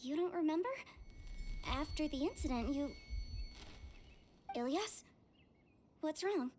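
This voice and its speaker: A woman's voice: sits high, lively intonation, takes it slowly, a little mellow, a little hiss or hum. A woman playing a caring, outspoken, protective young sister in a game, with a casual delivery. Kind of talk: scripted game voice acting.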